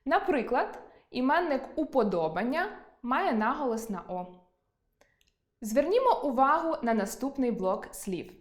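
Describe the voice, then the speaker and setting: A woman teaching an online lesson, reading from a script and slowly drawing out example words. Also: high voice, big pitch swings, echoey room.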